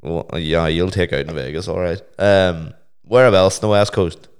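Male podcast host, Northern Irish, low gravelly hoarse voice, sweary teasing banter. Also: normal speed. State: hoarse with tonsillitis. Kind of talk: casual bantering podcast chat.

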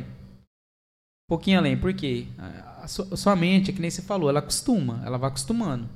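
Brazilian man, middle-aged, somewhat high voice, animated storyteller, casual podcast chat. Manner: animated, chatty, many fillers, laughs at own story. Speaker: podcast guest.

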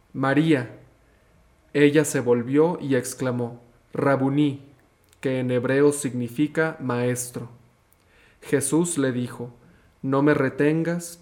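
A young man training for the priesthood reads a gospel passage aloud in a calm, measured way. He then moves into a short, earnest reflection at the same steady pace. His voice sits at an ordinary middle pitch for a man. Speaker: seminarian.

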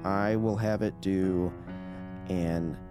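A man with a fairly low voice works as game master for a tabletop role-playing game. He narrates slowly and deliberately, with clear music playing behind him. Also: fairly even intonation.

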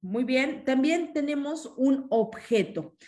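A woman's voice: high-pitched, lively intonation, slow pace, warm tone. A woman teaches a live online class. She explains patiently, asks the students questions and reads their comments aloud. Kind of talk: live-streamed lesson reading chat comments.

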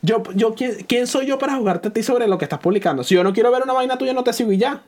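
A man's voice: very high-pitched, fast talker, a little mellow. A man, co-hosting a casual podcast and giving rambling, slangy opinions. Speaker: podcast co-host. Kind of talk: casual chat.

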